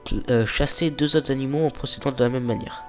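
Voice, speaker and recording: Fairly fast and medium-pitched, the let's play host's voice comes over soft background music. He's congested with a cold and casually remarks on the mobile game he plays, hesitating and filling gaps with fillers while sometimes reading the dialogue aloud.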